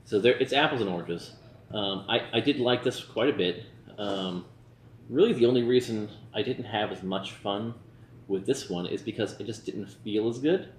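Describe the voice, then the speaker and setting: A man's voice: lowish voice, moderate pace. A tipsy man co-hosting a casual movie review, talking in a loose, rambling way. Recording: roomy echo with background noise.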